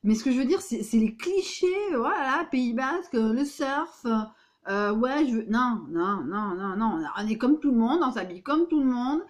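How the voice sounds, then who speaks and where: A woman's voice: on the high side, animated, a little slow. A woman with a southwestern French accent, Béarnais-tinged, talking straight to her viewers from home in a rambling, emphatic vlog monologue. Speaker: vlogger. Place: at home indoors.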